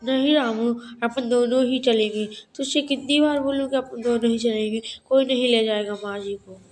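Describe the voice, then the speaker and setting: A woman's voice: fairly high pitch, fairly even intonation, a little mellow, soft background music, close to an everyday voice. Woman playing a snappish lazy daughter-in-law. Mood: bossy. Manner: snappish, fast and scolding. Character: lazy, sharp-tongued young daughter-in-law.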